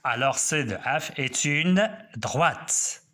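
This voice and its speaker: A man teaching a math lesson, explaining slowly step by step and checking that students follow. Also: fairly high pitch, lively intonation, bright, forceful tone, a little hiss or hum.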